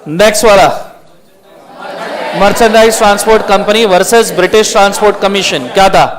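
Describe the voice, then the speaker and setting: Man, high-pitched, stern classroom lecturer, quizzing students. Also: fairly even intonation, normal speed, a faint crowd. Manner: strict, scolding students, firing questions at the class. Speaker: law lecturer.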